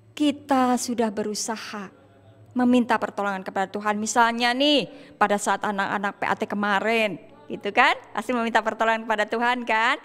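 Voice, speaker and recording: A woman teacher telling a Bible story to schoolchildren in a lively storytelling manner, with frequent "ya" tags and acted-out cries. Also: fairly high pitch. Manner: storytelling with many "ya" and "gitu, ya" tags, acting out cries. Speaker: teacher leading school worship. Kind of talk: children's Bible story sermon. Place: school hall. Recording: long hall reverb.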